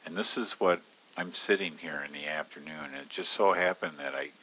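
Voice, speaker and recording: An options trading educator with a brisk, pushed, bright, husky voice casually walks through an options trade in a screen-recorded walkthrough, captured on a rough recording. He is chatty and uses many fillers, bursting into high-pitched alarm when retelling moments of panic.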